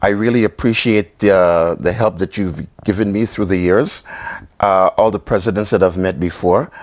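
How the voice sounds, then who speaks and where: A man's voice: low-pitched, no echo. A man from Trinidad and Tobago, a bookstore owner, answering interview questions in an earnest, grateful way. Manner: earnest, grateful, speaks in short flowing phrases. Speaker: bookstore owner, award recipient.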